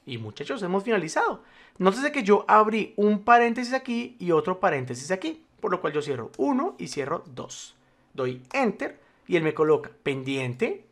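Spreadsheet instructor, male, animated up-and-down delivery, patient and reassuring, keeps checking the viewer follows. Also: high voice. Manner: formal address to the viewer, patient step-by-step explaining. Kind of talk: screen-recorded software tutorial.

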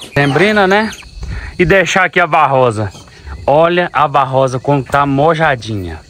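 A man's voice: a little high, expressive, normal speed, fairly bright tone, slight background noise. A man, a dairy farmer chatting casually and fondly talking to his cows on a farm. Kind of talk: casual farm vlog narration. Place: outdoors on a cattle farm. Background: faint animal, bird and insect sounds.

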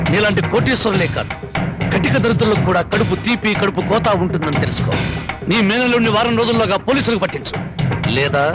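A fierce, volatile avenger. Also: male voice, high voice. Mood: menacing. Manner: menacing, theatrical, bullying. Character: fierce middle-aged man, vengeful and volatile. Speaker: avenging villager hero. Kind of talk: Telugu film acting. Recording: film soundtrack with score underneath.

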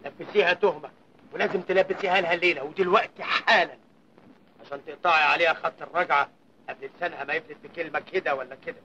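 An actor playing a sly, scheming lover who plots with the wife, speaking in a smooth, conspiratorial, scornful way. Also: male voice, a little high, steady tone, rapid-fire, bright, forceful tone, a little hiss or hum. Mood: conspiring. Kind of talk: 1950s Egyptian film acting. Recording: dull old film soundtrack.

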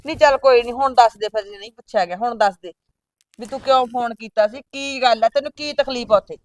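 A middle-aged woman playing a patient older sister and farm-living mother who keeps calming her sibling down. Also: on the high side, fast, close to an everyday voice. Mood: placating. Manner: soothing, placating, often asks back "huh?". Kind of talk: village family drama acting.

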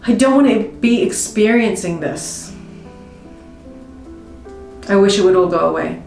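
A woman coaching viewers through a tapping session, speaking slow, emotive first-person affirmations. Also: medium pitch, animated, creaky, darkish tone. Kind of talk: guided tapping script spoken in first person. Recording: roomy with faint music behind.

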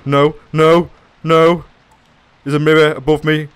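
A man's voice: on the high side, flat delivery, unhurried, clean tone, dry recording. A frightened man commenting on a horror game as he plays, jittery, swearing and talking to himself. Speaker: let's play gamer.

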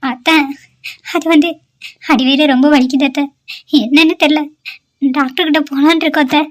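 A woman's voice: high-pitched, steady tone, brisk, darkish tone, natural voice. A woman voicing a frightened young newlywed wife in a cartoon, pleading and apologetic as she cries. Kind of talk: cartoon voice acting.

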